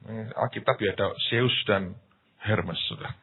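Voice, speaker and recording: Older male pastor, Javanese accent, lively storytelling sermon, husky tone, tinny lo-fi recording. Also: lowish voice, moderate pace. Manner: animated, switches into Javanese, acts out dialogue. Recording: tinny phone-like sound.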